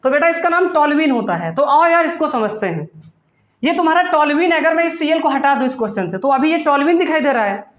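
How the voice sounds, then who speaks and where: A man's voice: extremely high pitch, lively intonation, quick pace, a bit bright, echoey room. A male chemistry teacher giving an online class, playful and teasing, calling his students "beta" and answering his own questions. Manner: calls students "beta" affectionately.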